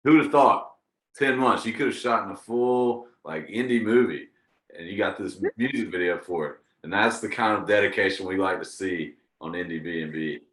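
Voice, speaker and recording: Low voice guy hosting, upbeat, moves things along, echoey room. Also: moderate pace, fairly bright tone. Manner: upbeat, segue-leading. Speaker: podcast host. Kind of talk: casual chat.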